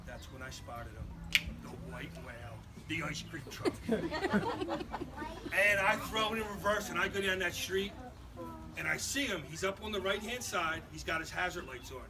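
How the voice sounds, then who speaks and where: Animated man telling a live comic story. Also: high-pitched, normal speed. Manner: animated, boisterous, punchline-driven. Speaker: storyteller, father. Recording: far mic, loud crowd and noise, live event.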